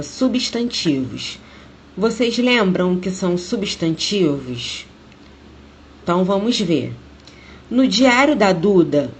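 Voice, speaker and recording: A Brazilian woman teacher speaking Portuguese, giving a remote grammar lesson to her class, slowly stressing each example word. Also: lowish voice. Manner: slow, deliberate, stressing words as she explains.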